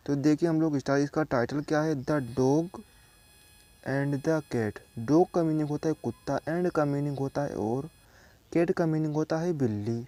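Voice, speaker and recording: A man's voice: mid-range voice, warm tone. A young man from India, a student, teaching English by explaining a simple story word by word and repeating each meaning.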